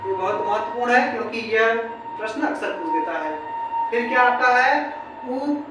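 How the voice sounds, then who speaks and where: A woman's voice: fairly high pitch, moderate pace, heavy background noise. A woman teaching an exam-prep grammar lesson who keeps asking rhetorical questions, repeats herself and sounds out letters one by one. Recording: very echoey room, far from mic.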